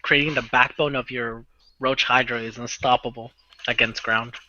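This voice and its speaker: A man's voice: mid-range voice, fairly even intonation, normal speed, bright, forceful tone, dull audio. A man giving casual gaming commentary, joking and explaining strategy and swearing freely. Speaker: co-player and commentator.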